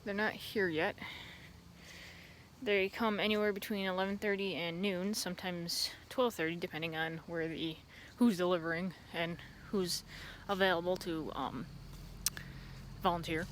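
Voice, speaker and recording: A woman chatting casually to camera in a rambling, easily distracted way, outdoors beside a loud street. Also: fairly low pitch, fairly even intonation, normal speed. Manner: easily distracted, drifting between asides. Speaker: vlogger. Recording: outdoor traffic and ambient noise. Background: passing vehicles and outdoor ambience.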